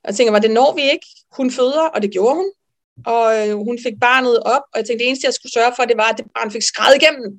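Woman midwife guest, animated storyteller, slightly high voice, lots of ums. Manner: lively, animated storyteller with frequent fillers. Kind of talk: personal storytelling in a podcast interview.

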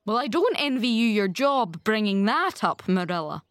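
A woman's voice: mid-range voice, big pitch swings, normal speed, a bit bright, no echo, clean studio sound. A woman voicing a blunt, judgmental busybody in a storybook, with an emphatic, solemn, outspoken delivery. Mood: indignant.

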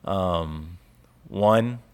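A young man with a Southern US accent, co-hosting a casual faith podcast, reading scripture and talking with animated, laughing energy and frequent restarts. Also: deep voice, drawn-out words. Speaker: podcast co-host, church leader.

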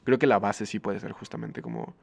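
A man, co-hosting a podcast in relaxed, slangy casual chat. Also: lowish voice, fairly quick, creaky. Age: 20s. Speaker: podcast co-host.

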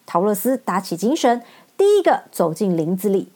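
A woman storyteller narrating a children's story in a gentle, expressive read-aloud style. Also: mid-range voice, moderate pace.

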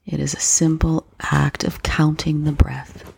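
A woman guiding a slow breath-counting meditation in a soft, gentle, breathy voice with unhurried pauses. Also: low-pitched, little pitch movement, a little hiss or hum, poor audio. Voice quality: soft, breathy, husky, often near whisper. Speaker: meditation guide.

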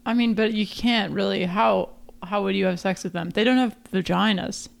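Teasing woman with a gravelly fry. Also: medium pitch, normal speed. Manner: blunt, teasing, mock-horrified. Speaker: podcast host. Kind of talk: casual chat.

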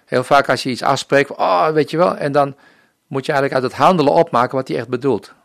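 A man's voice: medium pitch, fairly even intonation, fast talker, no echo, studio quality. Earnest Dutch man recounting his faith story. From Netherlands. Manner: earnest storytelling, often acting out remembered dialogue. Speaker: missionary guest. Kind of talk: personal faith testimony in an interview.

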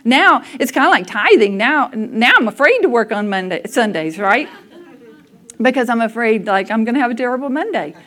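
A woman's voice: on the high side, animated, moderate pace, a bit bright. A woman preaching a conversational sermon, telling personal stories candidly and laughing at herself. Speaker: speaker at a church service.

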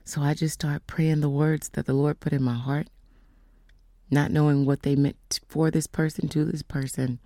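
A woman telling a faith testimony in a casual storytelling way, slowing down and dropping to whispers for emphasis. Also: deep voice, flat delivery, mellow, no room sound, studio quality. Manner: storytelling, acts out quoted voices; slows down for emphasis, drops to whispers. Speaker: speaker giving a testimony.

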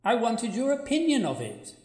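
A woman's voice: on the high side, wildly swooping pitch, normal speed, a little mellow. A woman voicing the blunt, sulky ghost of a plain young woman, with curt, needling replies in a radio play. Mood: deadpan. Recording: echoey, roomy sound.

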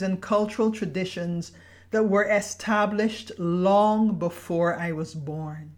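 Slow, measured Barbadian woman narrator. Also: medium pitch. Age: middle-aged. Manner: measured, deliberate, poetic phrasing. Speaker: podcast host and essayist. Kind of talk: scripted reflective narration.

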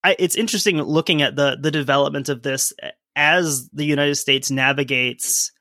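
Bright-voiced man co-hosting a podcast. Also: on the high side, steady tone, normal speed, no echo, clean studio sound. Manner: reads old newspaper quotes aloud, conversational. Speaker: podcast co-host. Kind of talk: casual history podcast chat.

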